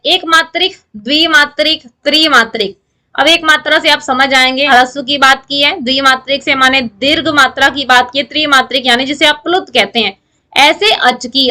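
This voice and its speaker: Bright high-voiced woman teaching grammar. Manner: explains step by step, asks and answers her own questions. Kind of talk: online lecture to students.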